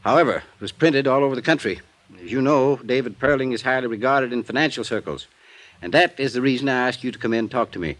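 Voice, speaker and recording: Here a lightly acted, slightly bright mid-range male voice, heard through poor audio, plays a meticulous, courteous American insurance man from vintage radio drama. He sounds measured and guarded, faltering a bit as he confides.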